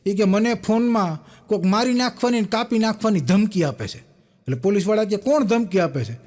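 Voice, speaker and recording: Guy with a high voice cracking jokes, plays out all the characters. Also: moderate pace, darkish tone. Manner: acts out the people in each joke, with punchlines. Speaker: stand-up joke teller. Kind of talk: comic storytelling of jokes.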